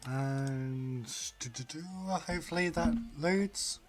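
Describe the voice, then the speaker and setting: Rambling through a casual gaming live stream, a man laughs often and reads chat messages out loud. His pitch is fairly high and his pace slow.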